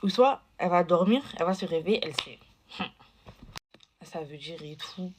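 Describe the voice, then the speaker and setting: A woman's voice: fairly low pitch, moderate pace, noisy background. A woman telling a casual story to camera, chatty and digressive, full of fillers and asides.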